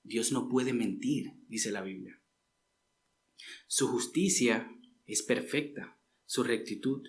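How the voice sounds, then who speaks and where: A man's voice: medium pitch, takes it slowly, slight background noise. A man preaching a sermon in a church, earnest and emphatic, often addressing listeners as brothers.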